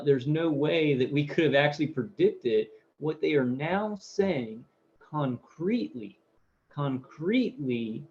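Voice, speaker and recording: A man's voice: mid-range voice, darkish tone. A man in his thirties hosting a casual live stream, rambling through viewer comments with lots of fillers and repeated words. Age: 30s. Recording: dull lo-fi audio.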